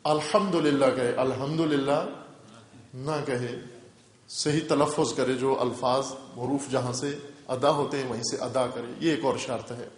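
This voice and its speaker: A man's voice: medium pitch, steady tone. A male Islamic scholar giving a religious lecture with a Pakistani Urdu accent, explaining step by step and repeating key terms for emphasis. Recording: echoey hall reverb.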